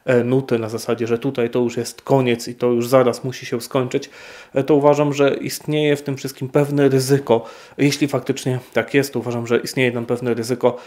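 Man, priest, viewer Q&A, measured, pauses and fillers, mid-pitched voice. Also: level tone, darkish tone. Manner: measured, hesitant with frequent fillers. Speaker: priest answering viewer questions. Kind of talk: unscripted Q&A answers.

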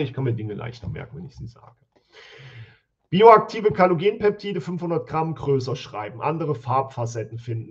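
A blunt German man thinks aloud as he reviews product listings on a live stream. His voice is slightly husky and sits in a middle register. The stream audio sounds a little dull and lo-fi, as if recorded at a home desk. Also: mid-range voice. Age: adult with school-age children. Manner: blunt, thinks aloud, mutters while counting. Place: home office.

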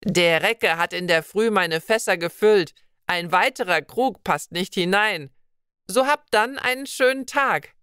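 A woman voicing a kindly, wise old woman of the forest in a storybook reading, speaking slowly and gently in old-fashioned phrases. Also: medium pitch, clean tone, no room sound, studio quality, close to an everyday voice. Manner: slow, gentle, archaic speech.

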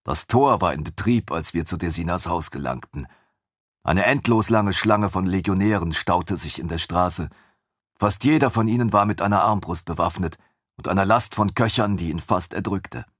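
A man narrates a fantasy audiobook in the first person with a low, husky voice. His reading is steady and even. The recording is close and dry with no room sound. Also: normal speed, dry recording.

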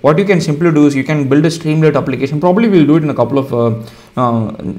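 A man with an Indian accent hosting a casual coding tutorial, explaining each step in a relaxed way with frequent ums and uhs. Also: on the high side, fast talker. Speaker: tutorial host.

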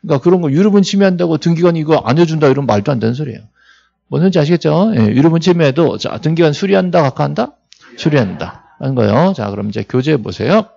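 A man's voice: on the high side, animated, quick pace, vocal fry, dark tone, highs cut off. A man teaching real estate law in a classroom lecture. He is jokey and asks the students questions, then answers them himself. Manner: jokey, acts out little scenes.

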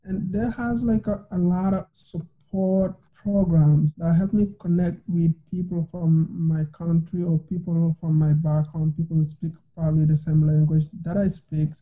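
A young man from Senegal, French his first language, talking about his college years as a guest in a relaxed way with many fillers over a video call. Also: a little high, unhurried, few pauses. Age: young adult. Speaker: former college soccer player, guest. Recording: dull lo-fi video call audio.

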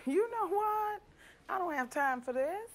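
An actor playing a blunt, sharp-tongued, fed-up nurse in a comedy series. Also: female voice, extremely high pitch, expressive, unhurried, heavily acted.

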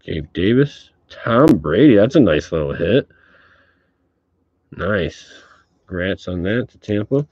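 He speaks slowly with long pauses, in a deep, expressive voice that's darkish and slightly rough. Talking through a face mask, he hosts a sports card break at an indoor tabletop setup, giving relaxed, casual running commentary and swearing offhandedly. The dry recording sounds dull and muffled, with background noise.

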